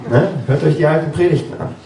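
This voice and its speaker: Roomy, animated preacher. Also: male voice, quick pace, recorded from a distance, slight background noise. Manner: conversational, keeps asking "ja?" and "ne?"; acts out biblical dialogue with sudden pitch jumps. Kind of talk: sermon. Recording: roomy, from off-mic.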